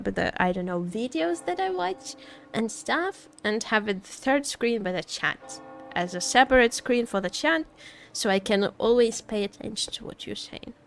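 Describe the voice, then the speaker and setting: Streaming a game from home indoors, this VTuber keeps up playful, rambling chatter, teasing viewers and repeating phrases often. Her voice is medium-pitched and a bit bright.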